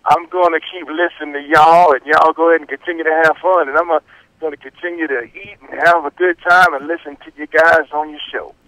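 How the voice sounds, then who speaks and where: A man's voice: fairly high pitch, fairly even intonation, fairly quick, sharp tone, no echo. A man calling in to a radio show over the phone, a reverend who speaks in effusive, grateful praise. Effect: heard over a phone line. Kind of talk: call-in chat.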